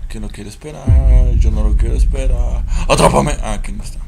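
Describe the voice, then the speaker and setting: A man's voice: mid-range voice, a little fast, gravelly, background noise. A man with a Mexican accent commenting while playing a game, jittery and swearing constantly, letting out yelps when startled. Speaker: gamer. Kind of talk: let's play commentary.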